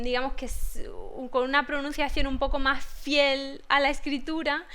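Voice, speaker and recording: Andalusian woman teacher, high clear voice, thoughtful, lots of restarts, video-call interview guest. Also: pushed and bright. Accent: Andalusian Spanish. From Granada, southern Spain. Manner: thoughtful, many restarts and fillers.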